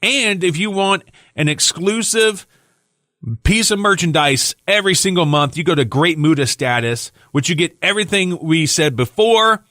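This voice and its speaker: Tired podcast co-host doing sponsor plugs. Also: male voice, sits high, moderate pace, pushed and bright, dry recording, clean studio sound. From Louisiana. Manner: chatty, loose, with filler words. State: tired, yawning. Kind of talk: casual podcast chat, reading sponsor plugs.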